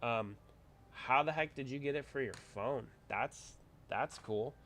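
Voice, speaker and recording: Stuffed up from a cold, a man with a wife runs a laid-back livestream, chatting, rambling, and reading viewer comments. He speaks at a measured pace in a mid-range, slightly bright voice over slight background noise.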